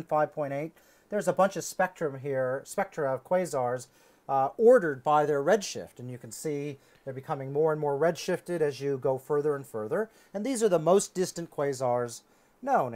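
A middle-aged astronomy lecturer gives a conversational science talk in a two-person dialogue, explaining things as he thinks them through aloud. His voice is a little high with a darkish tone.

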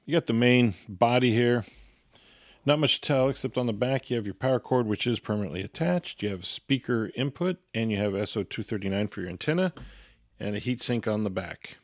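A product reviewer and demonstrator gives an instructional walkthrough, matter-of-fact and step by step. His mid-range voice is brisk, recorded at studio quality with no echo.

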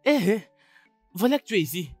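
A woman dubbing a chatty, teasing villager who flatters and dodges questions. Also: medium pitch, brisk, no echo, soft background music. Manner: teasing, full of fillers and tags. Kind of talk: dubbed film acting.

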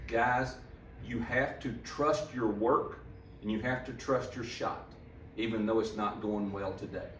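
His voice is on the low side, steady and a little slow. An older head coach seated at a table mic on a stand, he fields post-game press questions in a plainspoken, emphatic manner, repeating words to stress them. The recording carries a little hiss or hum and a roomy, slightly distant quality, with the camera some distance away.

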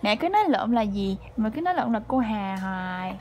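A woman, a mother chatting to her baby at home in slow, high sing-song baby talk with frequent laughter. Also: very animated, darkish tone, a little hiss or hum.

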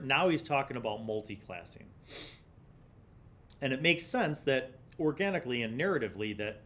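A middle-aged man with a fairly bright tone hosts a tabletop gaming review series, explaining deliberately and reading aloud from a magazine between his commentary. He records on a large condenser mic on his desk in a small indoor studio with block walls, with a low rumble in the background.

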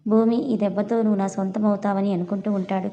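A woman storyteller reading a serialized story in a steady, even narration. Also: mid-range voice, fast talker, muffled recording.

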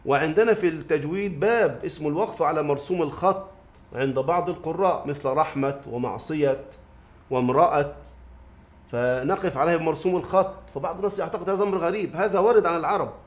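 A man's voice: on the high side, rapid-fire. A man teaching a grammar lesson in a mosque study circle, often asking the class a question and then answering it himself. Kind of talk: classroom lesson explaining verse.

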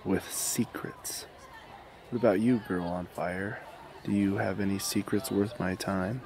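Suave, low-voiced Finnick Odair, played by a man. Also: fairly even intonation, measured pace, a crowd in the background, noisy background. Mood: sly, intimate. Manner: suave, teasing, insinuating. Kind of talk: amateur radio drama acting.

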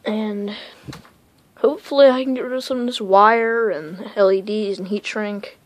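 A woman giving a casual, rambling tour of her home electronics workshop, talking quickly and interrupting herself as she films with a handheld phone. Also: medium pitch, fairly even intonation. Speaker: electronics hobbyist vlogger. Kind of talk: casual unscripted shop tour. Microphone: handheld phone camera.

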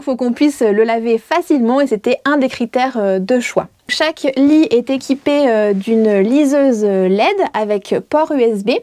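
A woman's voice: high voice, mellow, no echo. A woman in her thirties hosting a casual video tour of a small wood-lined van, chatty and joking, with many hesitations. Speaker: vlog host. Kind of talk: casual show-and-tell.

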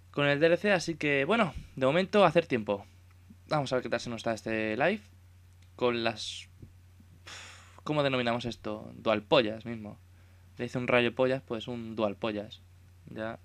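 A man's voice: mid-range voice, normal speed, long pauses, a bit bright. A young man with a Spain Spanish accent, commentating his own gameplay casually, swearing and exclaiming at the game. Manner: swearing, exclamatory, self-mocking. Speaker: gaming YouTuber.

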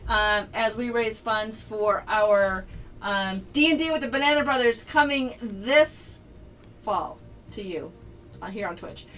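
A woman's voice: on the high side, a little slow, fairly bright tone, faint music behind, poor audio. A woman hosting a casual livestream, chatting in an upbeat, rambling way. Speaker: streamer and game designer host.

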